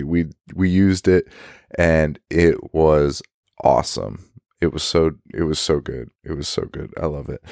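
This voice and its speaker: A man hoarse with a cold, his voice cracking, doing a casual, ad-libbed podcast sponsor read as the host. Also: low voice, darkish tone, dry recording, studio quality. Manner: informal, mildly profane.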